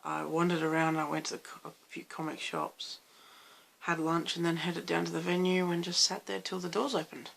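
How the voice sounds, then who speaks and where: A young Australian man with a hoarse, croaky voice, chatting loosely in a late-night vlog and rambling through restarts. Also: a little high, level tone, moderate pace, fairly bright tone, a little hiss or hum. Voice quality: gravelly fry. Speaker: vlogger.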